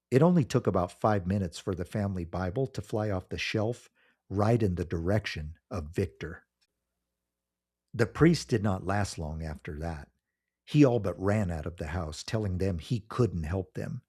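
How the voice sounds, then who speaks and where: A man narrating a scripted horror story in a measured, solemn storytelling manner. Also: deep voice, mellow, slightly rough.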